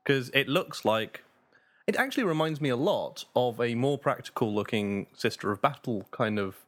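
A man hosting a casual video game podcast, speaking in a measured, agreeable way and steering the talk. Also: mid-range voice, lively intonation, a bit bright. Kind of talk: casual panel chat about games.

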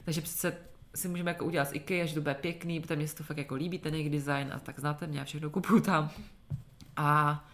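Woman, Czech accent, thirties, lower pitch, chatty, laughs a lot, casual chat. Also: steady tone, fairly bright tone. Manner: chatty storyteller, laughs often, swears casually. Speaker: podcast co-host.

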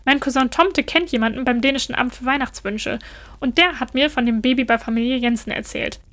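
A woman's voice: high voice, fairly quick, a bit bright. Woman doing Julius, a boastful little elf. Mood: breezy. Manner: boastful, breezy. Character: cheerful young male Christmas elf, clever schemer.

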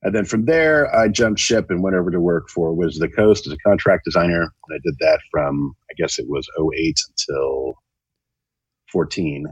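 A man's voice: deep voice, normal speed, slightly rough, no room sound, highs cut off. A man speaking as a podcast guest in casual interview chat, wry and self-deprecating. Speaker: podcast guest, game designer.

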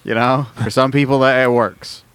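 A man's voice: medium pitch, fairly even intonation, moderate pace, a bit bright, smooth. A man co-hosting a podcast, riffing with jokey asides in casual chat. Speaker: podcast co-host.

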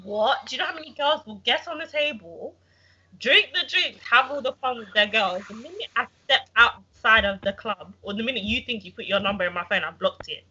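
A woman's voice: on the high side, expressive, a little fast, pushed and bright, husky. A young woman, debating casually in a blunt, assertive way. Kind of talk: heated casual group debate. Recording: muffled lo-fi sound.

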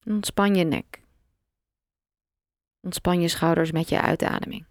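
A woman guiding a relaxation meditation, giving slow, calm, soft instructions with long pauses. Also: on the low side, no room sound, clean studio sound. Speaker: meditation guide.

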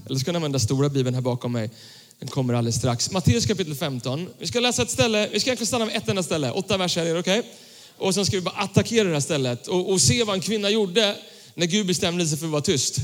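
High-voiced young pastor in reverberant church. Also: male voice. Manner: relaxed, slangy, conversational preaching. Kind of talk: casual sermon with Bible reading. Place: church hall. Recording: church hall with long reverb.

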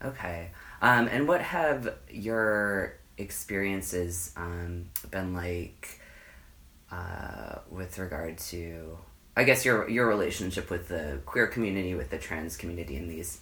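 A man with a very low voice and a bright, forceful edge, conducting an oral history interview. He asks his questions softly and tentatively. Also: slow pace. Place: interviewee's apartment.

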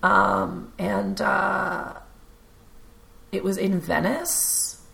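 A woman's voice: mid-range voice, expressive, drawn-out words, vocal fry, pushed and bright. A woman in her twenties hosting a podcast, telling rambling stories about college and dating with a self-mocking humor. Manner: rambling, laughing, self-deprecating. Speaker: podcast host. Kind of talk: casual storytelling chat.

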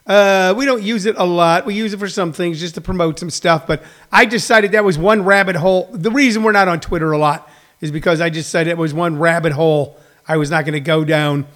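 A male host chatting casually to his listeners in a halting, digressive, self-deprecating way. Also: sits high, fairly bright tone. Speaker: host of a daily live streamed comedy radio show. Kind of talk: casual, rambling chat to listeners.

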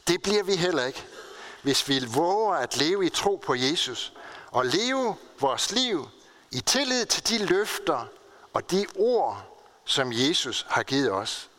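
A male pastor gives a sermon in an earnest storytelling way. His voice sits a little high, rings bright and swings widely in pitch as he leans on key words. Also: sing-song.

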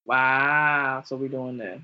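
A woman's voice: a bass voice, steady tone, slow pace, muffled recording. A woman co-hosting a podcast, chatting casually in a blunt, teasing way. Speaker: podcast co-host. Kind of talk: casual banter.

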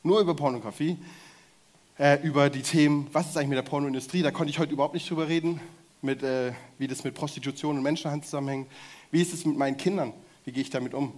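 A man preaching a sermon in German, talking directly and energetically and getting his audience to shout along. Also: a little high, fairly even intonation, quick pace.

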